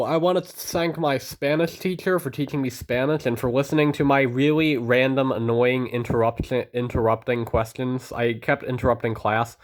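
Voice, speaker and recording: A teenage boy vlogging alone in a casual monologue, earnest and rambling as he thanks people and apologizes. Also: medium pitch. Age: teens. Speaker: student vlogger.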